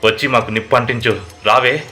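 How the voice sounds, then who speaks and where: A man's voice: medium pitch, steady tone, brisk, a little hiss or hum, close to an everyday voice. A man voicing a bold defiant village farmer. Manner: brave, defiant shouting. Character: bold middle-aged male village farmer.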